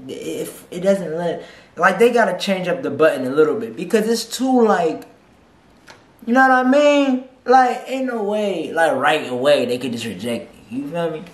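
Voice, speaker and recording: A man's voice: fairly high pitch, animated, unhurried. A young man in his twenties hosting a reaction video, brash, mocking and profane as he comments. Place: small room, seated on a couch. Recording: echoey room.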